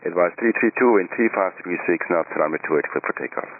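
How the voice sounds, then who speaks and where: A man's voice: deep voice, fast. A man working as an air traffic controller, giving clipped procedural instructions over air traffic control radio. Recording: narrow, hissy VHF radio transmission.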